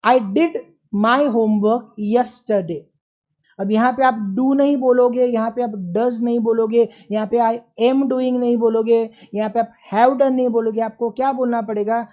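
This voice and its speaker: Woman teacher, high-ish voice, very slow and deliberate, repeats examples and quizzes the class; dull lo-fi recording. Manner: repeats example sentences slowly and emphatically, asks students questions. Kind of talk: classroom grammar lesson.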